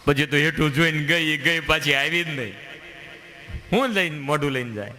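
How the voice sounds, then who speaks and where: A man telling a devotional story in a lively, folksy way. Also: fairly high pitch, normal speed. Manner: lively, folksy, acts out voices. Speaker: religious storyteller.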